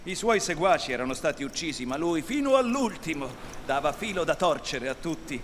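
A man's voice: on the high side, sing-song, a little fast, in a large hall, a little hiss or hum. A man giving a dramatic, theatrical storybook reading on the radio. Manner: theatrical, varied delivery. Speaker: story reader.

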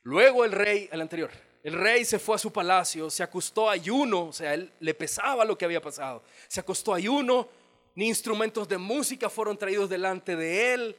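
A man preaches with a high, bright voice. He acts out the people in the story as he tells it, in a lively storytelling manner. His sermon is delivered in a church auditorium. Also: normal speed. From El Salvador. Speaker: pastor.

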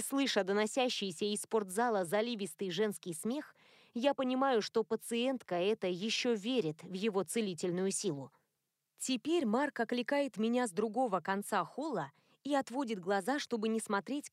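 A woman reading a first-person novel as an audiobook narrator, in a measured, intimate storytelling manner. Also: medium pitch, no echo, studio quality.

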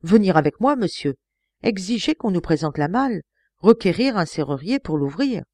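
A woman's voice: lowish voice, lively intonation, moderate pace, a little mellow, no room sound. A woman reading an audiobook, voicing a young male police detective who asks pressing, urgent questions.

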